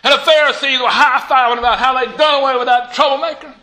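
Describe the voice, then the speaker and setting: A male pastor delivering an Easter sermon in an unusually high voice. His tone is very bright and sharp, and he works a repeated refrain with emphatic, rising storytelling. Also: steady tone, fast, rough recording. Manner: storytelling preacher with a repeated call-and-response refrain; emphatic, building from soft to shouting.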